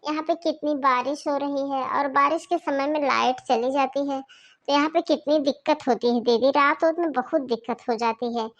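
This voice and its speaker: Woman voicing a loud, scolding sister-in-law. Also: high-pitched, fairly even intonation, moderate pace. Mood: dismissive. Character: rude, impatient young sister-in-law woman. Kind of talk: cartoon voice acting.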